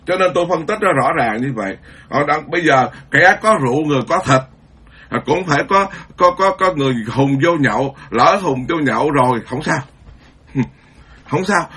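A Buddhist monk giving an informal dharma talk, rambling and conversational, stumbling over repeated words. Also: male voice, on the high side, sharp tone, husky.

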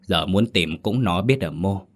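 The ghost of a fallen soldier speaks calmly, as a man reads him in a spoken ghost story. His voice sits very low and unhurried, gentle and resigned to duty. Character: dead male soldier's ghost, dutiful, gentle.

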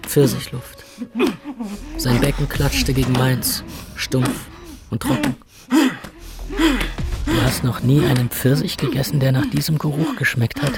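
An actor playing a young man narrating his own ordeal in measured, matter-of-fact literary radio narration. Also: medium pitch, big pitch swings, vocal fry. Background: music.

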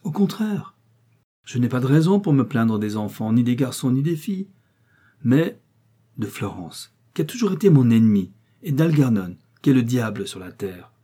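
A man's voice: medium pitch, sing-song, normal speed, mellow, slightly rough. A man voicing a scheming young orphaned heiress who complains melodramatically, reading an audiobook. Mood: spiteful. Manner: plaintive, melodramatic.

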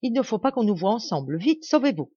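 A woman's voice: on the high side, very animated, quick pace, warm tone, slightly rough, dry recording, voice pushed up. A scheming young noblewoman, read by a woman. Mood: commanding. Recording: slightly dull, dry recording.

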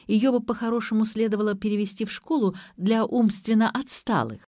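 A woman's voice: fairly high pitch, fairly even intonation, fairly quick, darkish tone, dry recording, clean studio sound, pitched above the performer's own voice, lightly acted. A woman voicing a stern middle-aged schoolteacher who talks in a cold, lecturing way. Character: stern heavy middle-aged female teacher.

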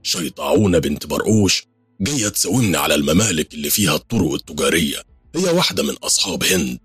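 Brief: man doing a steady Egyptian jinn king, deep husky voice, reassuring. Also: fast, no echo, soft background music, full character voice. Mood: calm. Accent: Egyptian Arabic. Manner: reassuring, calm.

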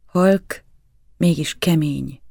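A man reading a novel as an audiobook in steady, measured narration. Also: on the high side, gravelly, no room sound, studio quality.

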